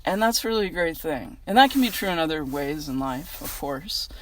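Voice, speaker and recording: A woman's voice: sits low, lively intonation, moderate pace, slight background noise. An American woman giving a casual inspirational reflection outdoors in a parking lot, talking in a chatty, earnest, conversational way. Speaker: vlogger giving a weekly inspirational message. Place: outdoors in a gym parking lot in freezing cold.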